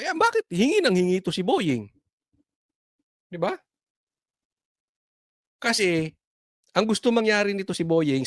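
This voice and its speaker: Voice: mid-range voice, no echo, studio quality. A political commentator talking casually, sarcastic and full of rhetorical questions, chuckling between points.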